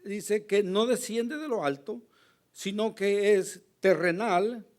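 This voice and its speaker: A male pastor preaching a sermon with a hoarse voice, earnest and emphatic, pausing to address the congregation. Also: high-pitched, a little mellow. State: hoarse, recovering from lost voice.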